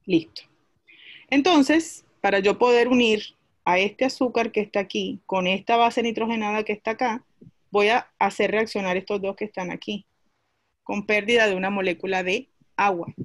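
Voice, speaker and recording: A woman's voice: mid-range voice, steady tone, normal speed, no room sound. A woman teaching a class, explaining a chemistry lesson step by step and asking her students questions as she goes.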